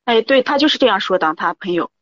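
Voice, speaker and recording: A woman's voice: mid-range voice, animated, fast talker, a bit bright, dry recording, highs cut off. A woman calling in to tell her story in a rambling, confiding way, repeating "I said" again and again. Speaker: caller. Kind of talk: confiding call-in account.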